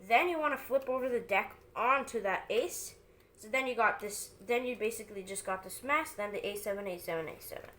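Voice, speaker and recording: A woman's voice: medium pitch, a little fast, a bit bright, slight background noise. A woman giving informal card magician patter, talking through each move step by step as she demonstrates and teaches a trick. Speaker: amateur card magician presenting a trick and tutorial.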